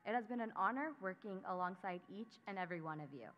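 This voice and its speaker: A young woman, a student council member, giving a formal scripted ceremony speech at a podium microphone and announcing names in a measured way. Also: mid-range voice, animated, a little hiss or hum. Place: graduation ceremony. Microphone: speaking at a podium microphone. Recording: dull lo-fi sound.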